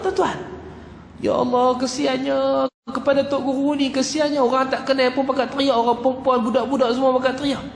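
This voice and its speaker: A man with a Kedah Malay accent telling a storytelling sermon in a mosque, swinging between loud bursts and hushed asides. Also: high voice. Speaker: religious teacher. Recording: echoey mosque hall, faint hum.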